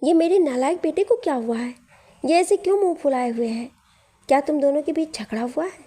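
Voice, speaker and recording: A woman's voice: sits high, fairly quick, warm tone, voice pushed up, lightly acted. A woman voicing a middle-aged mother who scolds her son but fusses over her daughter-in-law. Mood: motherly.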